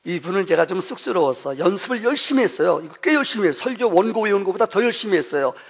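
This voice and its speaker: A man's voice: high-pitched, animated, racing, slightly rough. A pastor from Seoul who chats and jokes with his congregation in a church sanctuary. He speaks in a long church hall reverb. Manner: chatty, joking with congregation. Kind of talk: sermon.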